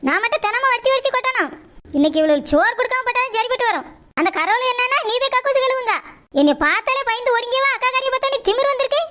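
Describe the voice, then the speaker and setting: Woman as a grumbling, sarcastic daughter-in-law, very high and bright voice, comic skit. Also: animated, racing, heavily acted. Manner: grumbling, scheming, sarcastic muttering. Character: scheming, grumbling young daughter-in-law and mother.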